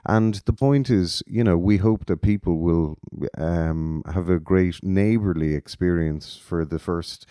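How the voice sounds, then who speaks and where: Middle aged west of ireland guy, lowish soft dark voice, rambly podcast guest chat. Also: measured pace, few pauses, smooth, no room sound, studio quality. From Galway, west of Ireland. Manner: rambling, self-interrupting. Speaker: interview guest, festival organiser. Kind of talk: casual podcast interview.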